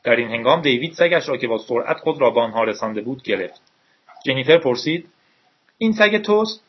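A man reading a novel aloud in a steady, measured storytelling voice with a husky tone. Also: mid-range voice. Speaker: audiobook narrator. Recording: dull lo-fi recording.

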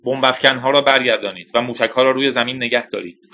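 A man's voice: mid-range voice, pushed and bright, slight background noise. Man reading a firm, grave general. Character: male air force general calmly warning of attack.

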